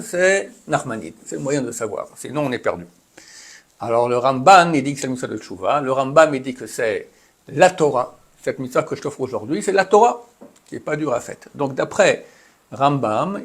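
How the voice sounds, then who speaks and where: Lively intonation and a slightly rough, mid-range voice mark this rabbi's delivery, which moves at a moderate pace. Teaching a Torah class, he reads out Hebrew text, translates it, and explains it with chatty side remarks.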